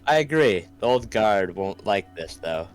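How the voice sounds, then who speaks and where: A man with a lowish, smooth voice and big pitch swings speaks at a measured pace, playing an earnest reformist politician in a political game. His declarative lines, scripted game voice-over over background music, convey earnest resolve.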